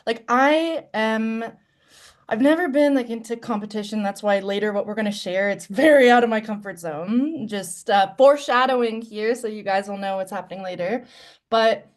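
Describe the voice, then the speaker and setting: A woman's voice: fairly high pitch, normal speed. Earnest, reflective woman guest. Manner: earnest and reflective, loudness rising and falling. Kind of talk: candid live-stream conversation.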